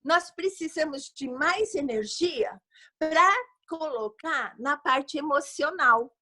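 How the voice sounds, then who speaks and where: A Brazilian Portuguese-accented woman giving advice as a guest expert over a video call, lively and speaking straight to her audience. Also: sits high, takes it slowly. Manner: lively, addresses the audience directly and often. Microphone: video call microphone.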